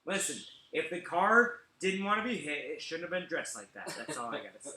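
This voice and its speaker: A man tells jokes in a loose, offhand way, tossing in dry asides. His voice sits a bit high and bright. The room around him is echoey. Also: big pitch swings, brisk. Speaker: stand-up comedian. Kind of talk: live-stream stand-up and banter.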